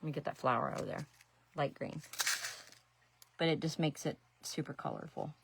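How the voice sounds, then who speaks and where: A woman's voice: low voice, big pitch swings, moderate pace, vocal fry, slight background noise. A middle-aged woman from Ohio with an Ohio accent, chatting casually and rambling as she works on a craft during a live stream. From Ohio, USA. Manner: chatty, rambling, self-deprecating asides. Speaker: resin artist and painting teacher.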